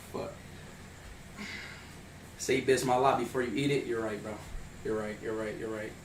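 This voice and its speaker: A young man streaming live, loud and hyped, then dropping to nervous mutters. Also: fairly low pitch, steady tone, normal speed, distant mic. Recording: roomy, off-mic with hum.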